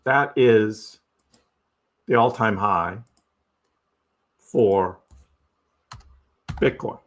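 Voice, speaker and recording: A man's voice: fairly low pitch, very slow. A man hosting a live crypto stream, giving casual chart commentary and asking his audience rhetorical questions. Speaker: crypto livestream host.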